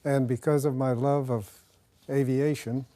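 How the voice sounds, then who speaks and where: An older man from Nebraska talks about his service in an easy, measured way, pausing often with small fillers. His voice is mellow and warm at an ordinary middle pitch. He sits in a quiet studio with a lapel mic. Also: steady tone. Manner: measured, plain, with frequent fillers. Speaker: retired army officer guest. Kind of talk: interview answers. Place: studio with dark backdrop.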